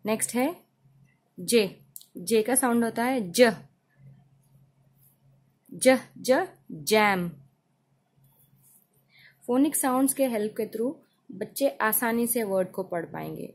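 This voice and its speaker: A woman with an Indian accent teaching letter sounds for children, saying each sound slowly and repeating it. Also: fairly high pitch, animated. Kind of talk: phonics lesson for children.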